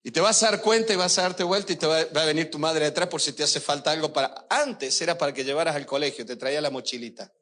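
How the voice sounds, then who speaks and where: A man's voice: on the high side, quick pace, few pauses, a bit bright. An older man preaching a sermon as a pastor, telling personal stories with emotion and speaking straight to the congregation. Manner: emotional, storytelling, addresses the congregation directly.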